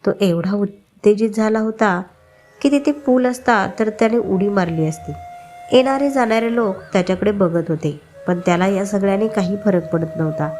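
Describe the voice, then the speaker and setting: A woman narrating a family story in a steady, even storytelling read. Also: medium pitch, moderate pace, faint music behind.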